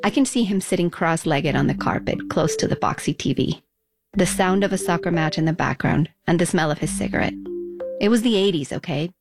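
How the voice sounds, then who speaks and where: A woman's voice: lowish voice, fairly quick, vocal fry, over music. Reflective woman narrating a radio feature. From Mexico.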